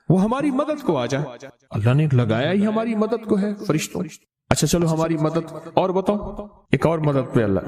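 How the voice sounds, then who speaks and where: A man preaching a storytelling sermon, repeating his phrases for emphasis. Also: a little high. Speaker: Islamic preacher. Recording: crowd noise behind the voice.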